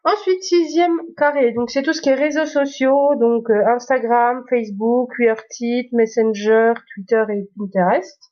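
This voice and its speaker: A woman talks casually to her viewers, stopping often to search for words. Her voice sits a little high. The recording is muffled and lo-fi. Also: a little slow, hardly any pauses, a little mellow. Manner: hesitant, many fillers and restarts. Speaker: YouTuber. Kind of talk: casual phone tour vlog.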